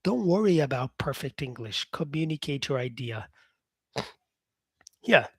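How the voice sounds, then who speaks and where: A man's voice: medium pitch, expressive, a little slow, husky, no echo, studio quality. A man from Brazil, an English teacher, chatting casually with live viewers and answering their comments. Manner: casual, upbeat, sprinkles in "yeah". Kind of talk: live-stream chat with viewers.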